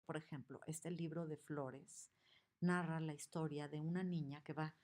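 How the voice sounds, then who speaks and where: A woman teaching a lesson on picture books, expressive and asking her listeners questions. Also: low-pitched, normal speed. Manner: expressive, acts out the examples, asks the audience questions.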